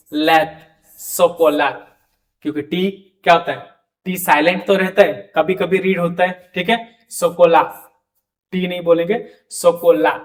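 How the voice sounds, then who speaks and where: A man teaching French pronunciation in an online lesson, repeating each word slowly and checking in often. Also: fairly high pitch, a bit bright, roomy sound. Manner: repeats words slowly, frequent "ठीक है".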